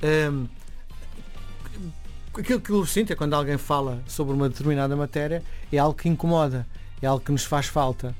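Brisk yet pausing often, a man with a fairly high, darkish voice and a European Portuguese accent hosts a radio interview and gives the weather. He keeps it conversational, asks probing questions, and faint music runs behind him.

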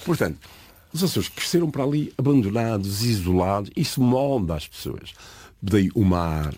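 An older man talks in a very deep, husky voice. He tells stories and lectures in a reflective, digressive way. The recording is dry and close. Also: lively intonation, normal speed, dark tone, dry recording. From Azores, São Miguel. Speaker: interview guest. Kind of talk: conversational storytelling interview.

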